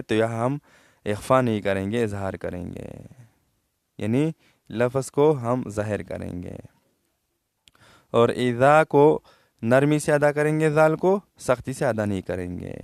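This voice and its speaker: A man's voice: gravelly, darkish tone, smooth, no echo, studio quality. A man with a Pakistani Urdu accent teaching Quran recitation rules, patiently explaining letter sounds and checking that students follow. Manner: patient, checks understanding, drops low at phrase ends; slow melodic recitation in the passages he reads out. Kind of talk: tajweed lesson, explaining and modelling recitation.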